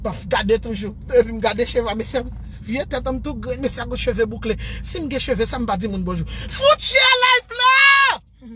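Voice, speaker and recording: A Haitian woman, a social media storyteller, tells a comic personal story, slipping between Creole and French and breaking into mock wailing and laughter. Her voice is on the high side and a little fast, with hardly any pauses, over a noisy background.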